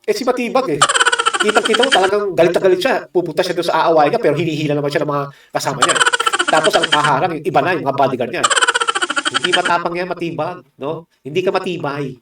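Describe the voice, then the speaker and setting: A man's voice: fairly high pitch, fast, reverberant, recorded from a distance, very noisy. A man from the Philippines giving heated political commentary, combative and mocking, with constant rhetorical asides.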